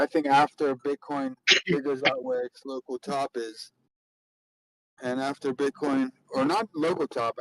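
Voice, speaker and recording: A man's voice: mid-range voice, slight background noise. Man on a muffled, landline-like call from a car. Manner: hedging, keeps adding "in my opinion" and "you know". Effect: muffled call audio, others say he sounds like he is on a landline. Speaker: crypto trader on a group call. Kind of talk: casual chat. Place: in a moving car.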